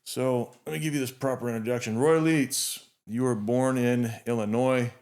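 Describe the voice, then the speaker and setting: The speaker is a podcast host aged fifty whose voice is medium-pitched, a little mellow, and fairly even, at normal speed. Talking to his guest in a heartfelt interview introduction, he is earnest and reflective and often starts over.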